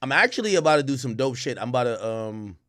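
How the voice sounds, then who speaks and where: A Jamaican-born man in his thirties hosts a livestream from a room at home, wearing a headset and talking loosely to his chat. His voice is medium in pitch, fast and fairly bright, with big swings up and down. He rambles, swears, and leans hard on slang.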